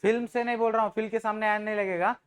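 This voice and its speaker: A man's voice: high-pitched, little pitch movement, very fast, smooth. A man teaching an English grammar class in Hindi, joking with students and often checking if they understood. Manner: jokes with the class, informal and teasing.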